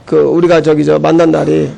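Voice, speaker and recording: A man's voice: a little high, little pitch movement, a little fast, creaky, dark tone, rough recording. A man pastor preaching a sermon, emphatic and full of rhetorical questions, telling stories to make his point.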